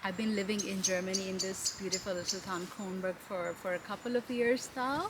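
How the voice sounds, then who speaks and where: A woman's voice: mid-range voice, steady tone, a little fast. A young adult woman from Pakistan, chatting as an interview guest in a friendly way, restarting her sentences often. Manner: friendly, with frequent restarts and fillers. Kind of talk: casual interview. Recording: noisy background.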